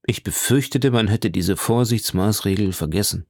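A man's voice: lowish voice, moderate pace, a little mellow, dry recording, studio quality. A man reading aloud voices a nervous, timid old Italian ex-soldier who answers with wondering questions. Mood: uneasy, wondering. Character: elderly timid Italian ex-major, nervous and eager.

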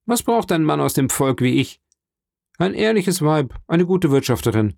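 A man's voice: on the high side, very animated, moderate pace, gravelly, a little mellow, dry recording, studio quality, voice pushed up, heavily acted. A man playing a jealous young fisherman. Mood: pleading, jealous. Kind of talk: audiobook reading.

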